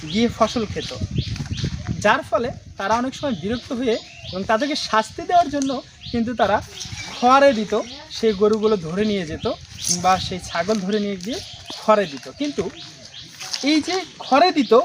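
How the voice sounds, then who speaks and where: A man hosting a casual explainer video for viewers, talking haltingly with many drawn-out fillers. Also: sits high, background noise. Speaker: video host addressing viewers.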